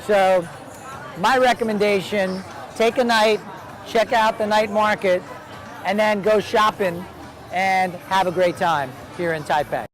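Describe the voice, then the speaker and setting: Travel host, man, high voice, easygoing on-location food chat, loud crowd behind. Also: a little slow, soft background music. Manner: easygoing, chatty, trying street food. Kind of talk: casual on-location food commentary. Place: outdoor night market. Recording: noisy crowd outdoors. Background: busy crowd chatter.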